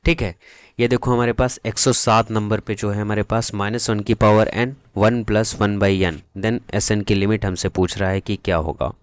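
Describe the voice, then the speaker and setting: A man's voice: fairly low pitch, steady tone, normal speed, smooth, no echo. A man teaching an exam-prep math lesson, working through problems step by step and often checking that his students follow, in a casual, familiar tone. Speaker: math tutor.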